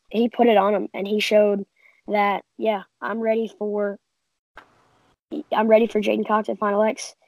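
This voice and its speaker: Co-host: woman with a gravelly, fry-laced voice, dry close sound, sure of her takes. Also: medium pitch, darkish tone, no echo, rough recording. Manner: confident, opinionated predictions. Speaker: podcast co-host. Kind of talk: casual sports chat.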